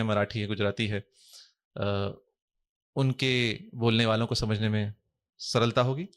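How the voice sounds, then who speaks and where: A man speaking as a guest in a podcast interview, measured and explanatory, using formal, Sanskrit-heavy Hindi. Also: medium pitch, a bit bright. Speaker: guest scholar.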